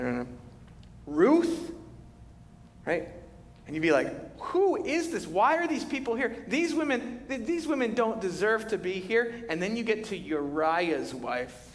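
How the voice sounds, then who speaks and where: A man preaching a sermon as pastor, telling the story with lively, conversational energy and acting out the quotes. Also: sits high, slight background noise. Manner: animated storytelling, acts out quotes. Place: large church hall. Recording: reverberant church hall.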